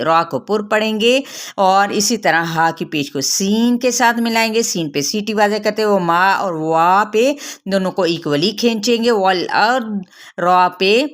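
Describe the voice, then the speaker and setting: A woman with a Pakistani Urdu accent teaching a tajweed lesson, explaining each rule and then reciting the words slowly and drawn out to demonstrate. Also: mid-range voice. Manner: patient, repeats and stretches Arabic words to demonstrate.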